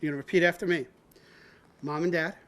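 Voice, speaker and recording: A man's voice: fairly high pitch, steady tone, fast talker, a bit bright. A man hosting a cooking show, teaching a child with playful jokes and frequent laughs. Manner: joking, laughs often, talks to a child as "buddy". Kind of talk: teaching kids to cook, playful banter.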